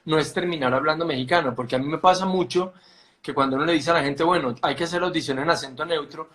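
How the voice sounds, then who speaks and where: A man's voice: on the high side, fast, a bit bright. A man with a Colombian accent hosting an interview, chatting casually and telling anecdotes. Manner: conversational, tells anecdotes. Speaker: interview host.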